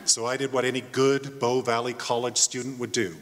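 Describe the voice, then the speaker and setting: A man's voice: medium pitch, level tone, fairly quick, fairly bright tone. A middle-aged man giving a keynote podium speech in a conversational, jokey, self-deprecating manner. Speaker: keynote speaker, college alumnus. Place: large hall at a graduation ceremony. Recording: echoey hall with long reverb.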